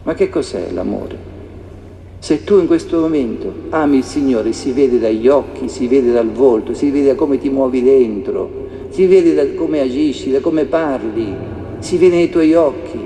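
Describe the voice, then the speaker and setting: A man's voice: mid-range voice, unhurried, dark tone, slight background noise. A man preaching a sermon with passion, asking rhetorical questions again and again. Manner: impassioned, repeats rhetorical questions. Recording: echoey hall reverb, faint ambience.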